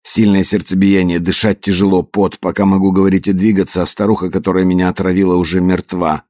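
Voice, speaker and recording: A man's voice: low-pitched, flat delivery, quick pace, warm tone, dry recording, studio quality, lightly acted. Man playing a terse poisoned agent. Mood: tense. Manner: terse, strained. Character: poisoned Colombian agent, grim and tense.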